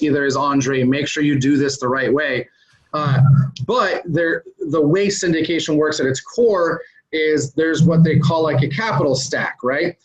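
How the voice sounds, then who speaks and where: Higher-voiced man explaining business, lo-fi. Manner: conversational, explains step by step with many "um" and "uh" fillers. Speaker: interview guest, real estate investor. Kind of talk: casual business explanation in an interview. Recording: dull lo-fi recording.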